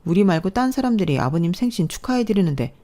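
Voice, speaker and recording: A woman's voice: medium pitch, sing-song, quick pace, dark tone, pitched above the performer's own voice, lightly acted. A woman voicing a snobbish, sneering sister-in-law in a storybook narration, with a mocking, condescending manner.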